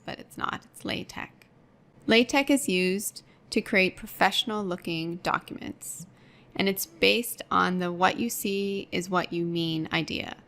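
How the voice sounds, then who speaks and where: A woman's voice: fairly low pitch, creaky, a bit bright. Patient woman teaching a screen tutorial. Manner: patient step-by-step explaining. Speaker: online course instructor.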